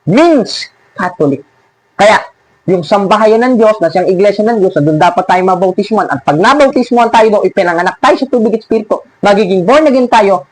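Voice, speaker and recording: High-voiced sarcastic male preacher. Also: no room sound, poor audio. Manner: sarcastic, scolding, laughs at his opponents. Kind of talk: preaching and mocking a rival church.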